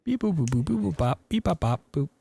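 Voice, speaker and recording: A man's voice: fairly high pitch, sing-song, a little fast, creaky, mellow, slightly rough, pitched above the performer's own voice, full character voice. Man doing a beeping robot voice. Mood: playful. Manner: chanting beeps and boops in a sing-song robot voice. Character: beeping robot, mechanical and playful. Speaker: gamer.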